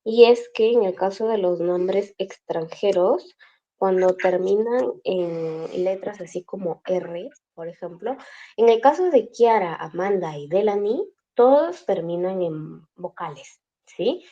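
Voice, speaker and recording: A woman's voice: medium pitch, animated, takes it slowly, dark tone, highs cut off. A woman teaching a language class over a video call, explaining patiently step by step and checking in with her students often.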